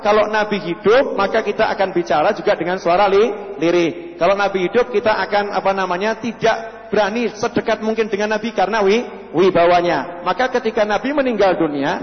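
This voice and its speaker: A man delivering a sermon to a congregation, telling stories and acting out the people in them, sometimes clipping and restarting words. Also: high-pitched. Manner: storytelling preacher, acts out quoted voices, stretches words. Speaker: preacher. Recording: dull lo-fi sound with long hall reverb.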